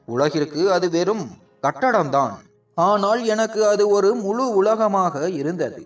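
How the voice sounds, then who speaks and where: A man reading a first-person story aloud in an emotional, measured narrating style. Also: high voice, recorded from a distance. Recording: voice set back from the mic, faint music.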